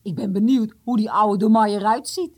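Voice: medium pitch, moderate pace, darkish tone, voice pushed up, lightly acted. A narrator doing a cheerful young companion.

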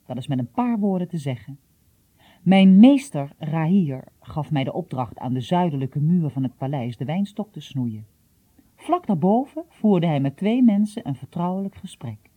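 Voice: medium pitch, expressive, moderate pace, mellow, no echo, close to an everyday voice. A reader voicing a shrewd, secretive old male gardener who talks in a confiding, mildly teasing way, in an audiobook. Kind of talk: audiobook reading.

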